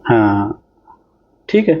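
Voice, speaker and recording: A man's voice: fairly low pitch, big pitch swings, muffled recording. A man teaching an exam-prep math lesson, talking chattily while he works through problems on screen. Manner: brisk, chatty, talks while solving on screen.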